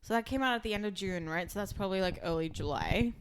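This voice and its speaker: A woman's voice: mid-range voice, lively intonation, fast, slight background noise. Woman cohost, teasing her friend, laughs while she talks, ordinary mid voice. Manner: teasing, laughs between words. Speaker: podcast co-host. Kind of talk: casual chat.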